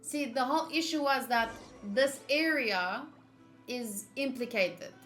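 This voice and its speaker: Over background video game music, a woman streaming a game talks casually and thinks aloud, moving back and forth between her audience and gameplay. Her high-pitched voice is unhurried and fairly bright.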